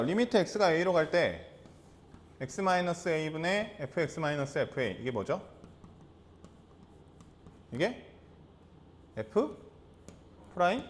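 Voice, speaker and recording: Male math teacher quizzing his class. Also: a little high. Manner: repeats key terms and quizzes students with rhetorical questions. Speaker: high school math teacher. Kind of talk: classroom lecture.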